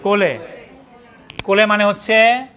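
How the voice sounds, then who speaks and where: A man's voice: sits high, a little slow, sharp tone. A man with a Bangladeshi accent teaching a pathology class, quizzing students, spelling out terms letter by letter and teasing latecomers. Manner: scolding latecomers and joking in colloquial speech. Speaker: pathology trainer. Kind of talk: classroom lecture.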